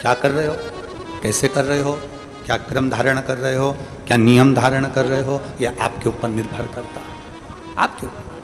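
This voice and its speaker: A man's voice: medium pitch, level tone, moderate pace. A man from central India preaching a devotional sermon to a crowd, piling up repeated phrases and prompting listeners to answer. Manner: repetitive rhetorical lists, prompts the audience to answer. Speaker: religious storyteller preacher. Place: large devotional gathering. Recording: long hall reverb with faint music.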